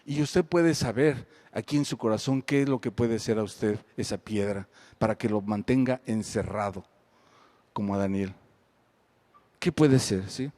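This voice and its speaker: A male pastor preaching a sermon at a live-streamed church service, reading scripture aloud with rising force and then asking the congregation questions in a quieter voice. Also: lowish voice, measured pace.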